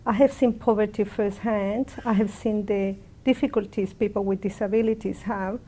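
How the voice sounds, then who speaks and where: A woman's voice: mid-range voice, fairly even intonation, normal speed, dark tone, poor audio. Earnest woman from El Salvador. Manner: earnest, hesitant with fillers. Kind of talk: personal testimony.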